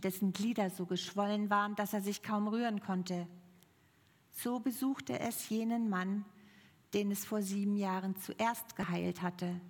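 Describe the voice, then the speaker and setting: A woman preacher giving a sermon and telling a parable in a slow, deliberate manner. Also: mid-range voice, long reverb tail.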